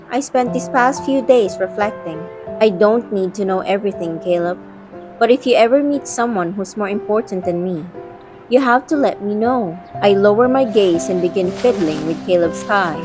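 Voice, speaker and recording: A woman's voice: medium pitch, natural voice. Woman acting a guarded, feisty young woman. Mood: wistful. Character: guarded, feisty young woman, secretly attached to her companion. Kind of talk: first-person audio drama narration and dialogue. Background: background music.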